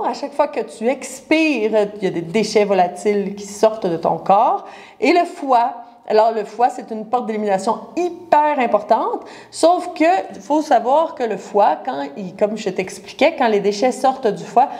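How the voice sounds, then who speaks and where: A woman in her forties with a Quebec French accent works as a naturopath and gives a casual live talk. Her voice is fairly high, animated and warm at a measured pace, and she chats straight to the viewer, explaining things through everyday comparisons.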